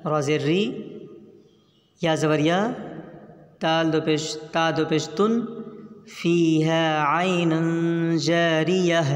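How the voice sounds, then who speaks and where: A man teaching Quran reading, spelling out each letter and vowel patiently before reciting the whole phrase. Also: a little high. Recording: echoey room, long reverb.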